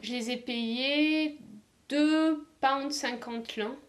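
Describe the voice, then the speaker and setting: A woman's voice: high-pitched, very slow. A woman from the south of France chatting casually in a beauty haul video, hesitant, with many fillers and restarts. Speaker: beauty vlogger.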